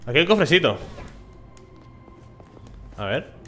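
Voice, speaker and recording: A man's voice: fairly high pitch, sing-song, a little slow, sharp tone, soft background music. A young man with a Spain Spanish accent chatting casually and swearing lightly as he plays through a game. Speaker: gameplay streamer. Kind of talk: casual let's play commentary.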